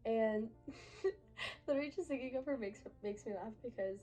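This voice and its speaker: A woman's voice: on the high side, normal speed, a little mellow, soft background music, low-quality recording. A young woman vlogger telling a personal story to camera in a chatty, emphatic way, full of fillers.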